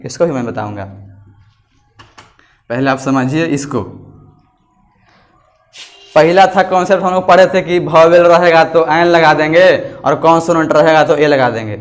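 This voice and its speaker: A male teacher giving a classroom lesson, repeating phrases slowly for students to write down and asking and answering his own questions. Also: on the high side. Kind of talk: classroom lesson, dictating notes.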